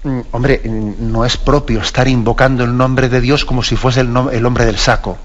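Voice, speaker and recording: A man's voice: mid-range voice, fairly even intonation, moderate pace, highs cut off. A man with a Spanish accent, a bishop explaining the catechism on radio in a conversational way, often adding tag questions and restarting sentences. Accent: Spanish from Spain.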